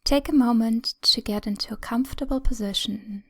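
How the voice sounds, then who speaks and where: Her voice is on the high side as she leads a guided meditation, speaking in short, gentle phrases in a breathy, soothing whisper, with long pauses.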